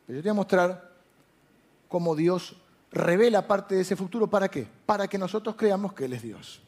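Male preacher, high voice, talks straight to the crowd, quizzes them and answers himself. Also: normal speed, a little mellow. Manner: direct, asks and answers his own questions. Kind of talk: conversational sermon to a live audience.

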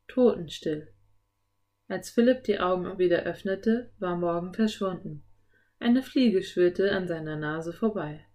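A woman narrating a children's audiobook in a clear, even storytelling manner. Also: lowish voice.

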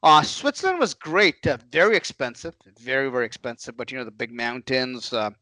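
A middle-aged man from India co-hosting a podcast, rambling with lots of filler pauses. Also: mid-range voice, lively intonation, sharp tone, no echo. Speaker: podcast co-host. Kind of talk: casual podcast chat.

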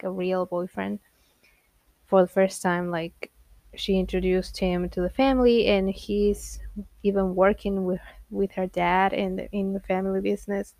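A woman's voice: medium pitch, vocal fry, darkish tone, no room sound. A young woman talks alone in a loose, unscripted monologue, chatty and open, with frequent small laughs. She drifts from topic to topic and pokes fun at herself as she goes. Her voice sits in an ordinary middle range and sounds dry and close, with no room around it. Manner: rambling and candid, laughs often; self-deprecating, wanders off topic. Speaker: podcast host. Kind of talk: casual solo monologue.

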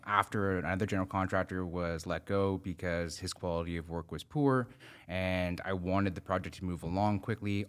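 A Canadian man, a general contractor, ranting in a casual podcast chat and swearing freely. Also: low voice. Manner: swears a lot, heated ranting.

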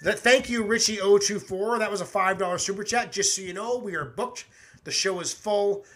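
Bright-voiced, high-pitched male host. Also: normal speed. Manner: rambling, swears constantly, laid-back. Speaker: podcast host reacting to music. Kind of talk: casual live-stream chat.

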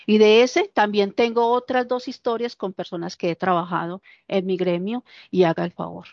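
A woman casually recounting a personal story, lively and animated, acting out the lines of the people in it. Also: medium pitch, normal speed, vocal fry, dry recording. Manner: animated, acts out quoted dialogue. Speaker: interviewee. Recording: dull, dry lo-fi recording.

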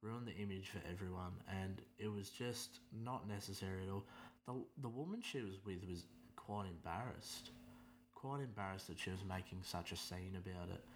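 A man's voice: deep voice, normal speed, a little hiss or hum. A young Australian man telling a story in a casual rant, exasperated and sarcastic, swearing freely.

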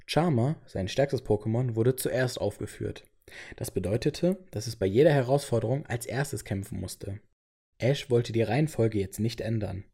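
A man's voice: lowish voice, dark tone, husky. A man reading a game storybook chapter aloud as the narrator.

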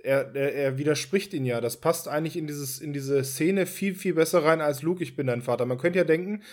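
A man's voice: on the high side, normal speed. Hesitant man in a casual chat. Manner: hesitant, many fillers.

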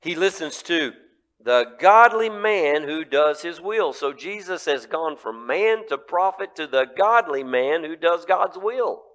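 A male pastor preaching a sermon in a lively, conversational way, full of rhetorical questions. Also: on the high side.

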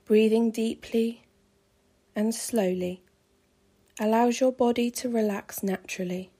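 A woman calmly guiding a pregnancy relaxation meditation with slow, soothing, measured phrasing. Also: a little high, husky. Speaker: meditation guide.

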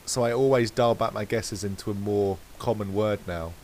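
A podcast co-host chats casually, rambling through his thoughts in a relaxed way and correcting himself with many restarts. His voice is fairly low at a moderate pace, and the recording is low quality.

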